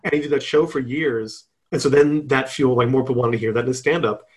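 A man co-hosting a podcast in casual chat, relaxed, with dry, wry asides. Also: medium pitch, fast talker. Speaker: podcast co-host.

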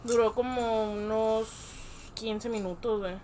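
A woman's voice: a little high, fairly even intonation, unhurried, warm tone. A young woman with a Mexican accent, chatting casually and telling a story in slangy speech, often laughing. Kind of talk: casual chat.

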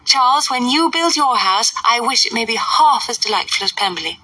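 A snobbish young society lady from a classic storybook, as a woman reader puts her on. She is arch and mocking, pitched high with swooping emphasis, in a sharp, bright voice. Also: expressive, brisk, husky, no room sound, recorded from a distance, heavily acted, poor audio. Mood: gushing, flattering.

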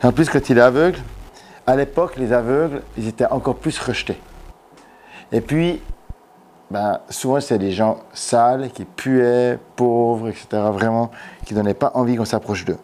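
A man's voice: medium pitch, moderate pace, darkish tone. A man preaching an informal sermon, joking and putting questions to his congregation at a church gathering in a café. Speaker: pastor.

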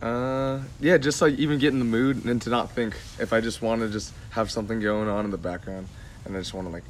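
A man's voice: fairly low pitch, steady tone, a little fast, slight background noise. A young man chatting as a guest on a casual podcast, loose and laid-back, filling his talk with "like". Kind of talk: casual chat.

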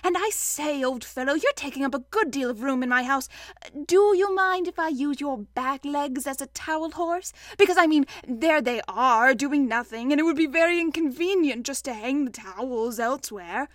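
A brisk, proper storybook rabbit acted out by a woman. He is high-voiced, emphatic and faintly bossy, courteous but stern. The recording is very dry. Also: animated, no room sound. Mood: cheerful, imposing.

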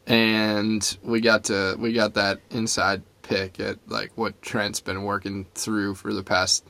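A man's voice: on the low side, little pitch movement, takes it slowly, creaky, pushed and bright. A young adult man co-hosting a casual podcast chat, joking and teasing his co-host.

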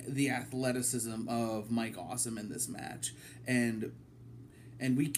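A man hosting a casual wrestling review from his apartment, talking it through in a halting way with many ums. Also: medium pitch, slight background noise. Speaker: wrestling podcast host.

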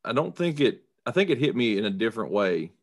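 A man's voice: medium pitch, very animated, fast, creaky. A man co-hosting a casual faith podcast, earnestly retelling a story with hesitations. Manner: earnest, retells stories with acted quotes. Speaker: podcast co-host.

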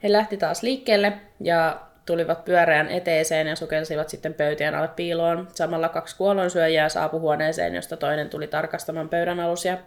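A woman with a notably low voice co-hosts a chatty podcast, walking through a book chapter. She talks in an animated, exasperated way and breaks into quick laughter. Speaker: podcast co-host. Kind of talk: casual chat retelling a book chapter.

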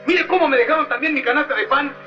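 A man's voice: very high voice, fast, pushed and bright. An actor with a Mexican accent playing a cheeky, wisecracking young bread delivery man in an old film comedy, full of joking slangy patter. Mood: playful. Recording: muffled old film soundtrack with echo and music.

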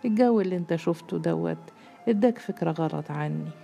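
A woman's voice: lowish voice, a little fast, vocal fry, warm tone, soft background music. A woman voicing a hurt, defiant Egyptian girl of seventeen. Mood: reproachful. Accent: Egyptian Arabic. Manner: pleading, reproachful. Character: earnest 17-year-old girl, hurt and defiant.

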